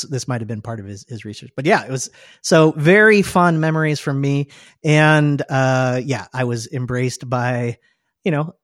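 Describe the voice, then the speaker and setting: A man's voice: fairly high pitch, no room sound, clean studio sound. A man hosting a casual podcast conversation, reminiscing in a chatty way and laughing often. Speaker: podcast host.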